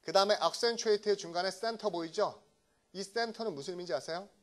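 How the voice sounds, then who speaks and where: A middle-aged man from South Korea giving a lively English vocabulary lecture, often checking in with his students. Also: high voice, a little fast. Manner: lively, keeps checking in with the class. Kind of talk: classroom lecture.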